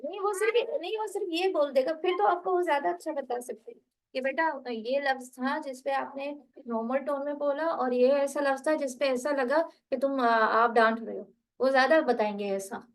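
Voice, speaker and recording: A woman's voice: sits high, normal speed, poor audio. A woman tutoring a student one-on-one for a spoken English test, patiently correcting word stress and reading. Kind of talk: online tutoring session.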